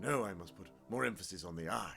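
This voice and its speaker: An actor playing a pompous, grandiose older stage actor who declaims theatrically in a comedy radio sketch. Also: male voice, low voice, fast, gravelly, over music. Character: pompous old theatrical ham actor man.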